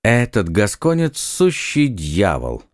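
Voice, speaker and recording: A man's voice: fairly low pitch, huge pitch swings, slow pace, dry recording, studio quality, heavily acted. A man voicing a stern, noble musketeer in an audiobook, curt and scolding.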